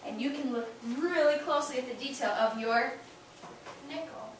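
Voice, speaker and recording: Female kindergarten teacher, high voice, simple instructions and praise for small children; distant mic in a noisy room. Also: normal speed. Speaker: elementary school teacher. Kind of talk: classroom instruction to young children. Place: indoor classroom. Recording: echoey noisy classroom, distant mic with clicks. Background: classroom noise with children.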